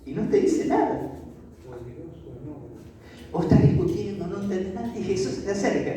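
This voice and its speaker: A pastor preaching an animated sermon, acting out Bible scenes and making asides to the congregation. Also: medium pitch, moderate pace, background noise. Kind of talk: lively sermon. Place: church hall. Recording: echoey church hall from far off.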